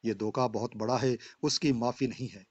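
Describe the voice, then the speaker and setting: A man's voice: medium pitch, steady tone, a little mellow, husky, no echo, natural voice. A man reading as a bitter, betrayed husband. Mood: resolute. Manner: stern, accusing declamation. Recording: dull, dry lo-fi voice track.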